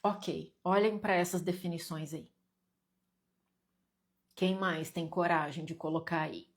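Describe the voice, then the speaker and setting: A woman's voice: lowish voice, fairly even intonation, takes it slowly. A Brazilian woman hosting a live stream and guiding viewers through an exercise. She reads their comments aloud and talks to them in a direct, teasing way, repeating points and pressing them.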